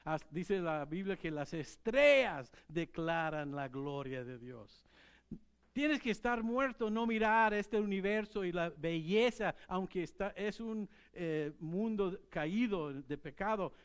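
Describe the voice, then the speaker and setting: A man's voice: a little high, clean tone. Conversational male pastor. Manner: conversational, asks the congregation questions, chuckles. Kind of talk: sermon. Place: church.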